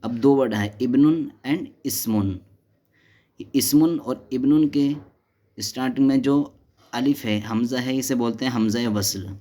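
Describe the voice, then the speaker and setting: Slow-paced man teaching a grammar lesson. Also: medium pitch, warm tone. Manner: explains step by step, asks and answers his own questions; mixes Hindi-Urdu with English and Arabic terms. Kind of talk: classroom lesson explanation.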